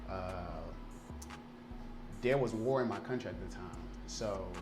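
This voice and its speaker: A man in his thirties from Liberia, telling animated stories as an interview guest, with lots of fillers and restarts. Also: lowish voice, measured pace. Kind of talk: casual interview. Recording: roomy sound with music underneath.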